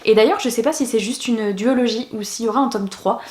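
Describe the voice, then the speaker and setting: A woman's voice: fairly high pitch, fast, darkish tone, reverberant, a little hiss or hum. A woman chatting casually through a book haul vlog, talkative and full of fillers and restarts. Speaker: book YouTuber.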